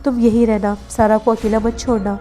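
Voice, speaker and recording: A woman reading the lines of a hurried, worried young husband in a horror story. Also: a little high, flat delivery, warm tone, faint music behind, natural voice. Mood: urgent.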